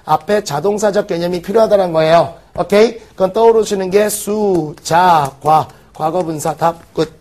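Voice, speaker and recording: A man teaching an exam-prep English lesson, firing quick rhetorical questions at the class. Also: sits high, a little mellow. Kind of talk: recorded exam-prep lecture.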